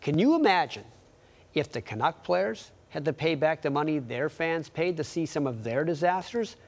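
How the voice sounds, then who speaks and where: A man's voice: a little high, lively intonation, moderate pace. A man anchoring TV sports in a conversational newscast style, with wry, offhand asides.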